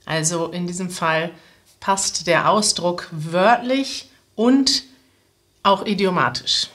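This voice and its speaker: Slow-paced woman teacher explaining things. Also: lowish voice, a bit bright. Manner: clear step-by-step explaining. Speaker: language teacher and presenter. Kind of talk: explaining jokes to language learners. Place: small room indoors, seated at a table.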